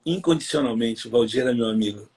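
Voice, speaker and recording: A man's voice: medium pitch, quick pace, darkish tone, breathy edge. A middle-aged man, a pastor, giving an earnest personal testimony in a live interview, telling stories with plenty of fillers. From Brazil. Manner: earnest storytelling with many fillers.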